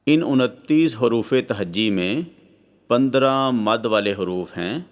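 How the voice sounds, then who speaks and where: A man with a Pakistani Urdu accent reads a scripted lesson on Quran reading. His voice is smooth and resonant, at a middle pitch, and he stretches each letter he recites. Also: animated. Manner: slow drawn-out recitation of Arabic letters.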